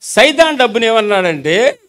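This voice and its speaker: High-voiced Telugu pastor urging a crowd. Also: male voice, very animated, moderate pace, a bit bright, clean tone. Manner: exhorting the congregation to repeat aloud. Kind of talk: sermon.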